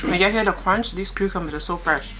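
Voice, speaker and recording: Woman co-host for an eating show, lower-than-average voice, chews while talking, slangy and informal, audible music bed. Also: brisk, bright, forceful tone, poor audio. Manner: informal slangy speech with repeated phrases. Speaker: mukbang co-host. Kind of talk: casual eating-show chat. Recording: music playing behind the talk.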